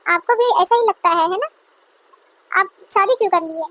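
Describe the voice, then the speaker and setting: A woman's voice: extremely high pitch, normal speed, a bit bright. A woman doing a defiant young wife. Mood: indignant. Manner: indignant, complaining.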